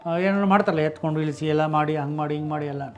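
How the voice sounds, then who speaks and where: High-voiced man telling a devotional story. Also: fast talker, faint music behind. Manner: conversational, animated, breaks off and restarts words. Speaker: religious discourse speaker.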